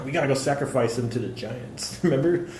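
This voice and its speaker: A man's voice: mid-range voice, brisk, a little mellow. A young man co-hosting a gaming podcast, chuckling often and tossing in teasing asides. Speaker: podcast co-host. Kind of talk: casual gaming banter. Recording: echoey room with faint noise.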